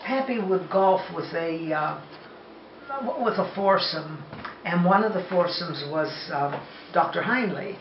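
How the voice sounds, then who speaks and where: An older woman telling family stories in a casual, lively way. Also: on the low side, a little slow, over music. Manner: lively, animated retelling with quoted voices. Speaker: family member recalling grandfather. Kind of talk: casual storytelling. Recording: echoey lo-fi home recording with noise.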